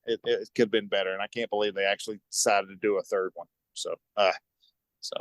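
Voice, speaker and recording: A man co-hosting a podcast in casual chat, animated and quick to laugh. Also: fairly low pitch, no echo. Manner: animated, laughs often, jumps between topics. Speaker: podcast co-host.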